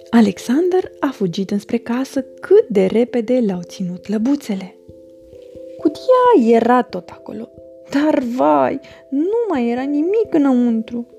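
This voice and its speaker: A woman narrating a children's storybook with a gentle, expressive reading. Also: a little high, vocal fry.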